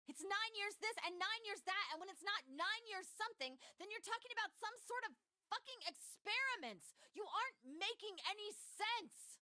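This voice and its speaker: Man in falsetto as a bossy, brash woman. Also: expressive, moderate pace, few pauses, bright, forceful tone, no echo, studio quality, full character voice. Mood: exasperated. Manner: exasperated, swearing, demanding. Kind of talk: reading a visual novel aloud.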